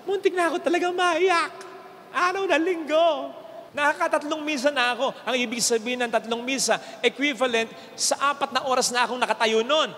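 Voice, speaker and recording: Man, Filipino accent, priest, Sunday homily, animated storytelling, long church reverb, faint background noise. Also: very high voice. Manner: conversational, animated storytelling with rhetorical questions.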